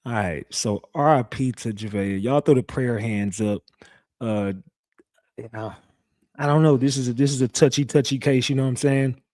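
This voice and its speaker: A young true crime streamer talks loosely and repetitively to his chat from a home setup, full of slang, his voice slightly raspy as if recovering. It's mid-range and darkish, at a normal speed, captured in studio quality with no room sound.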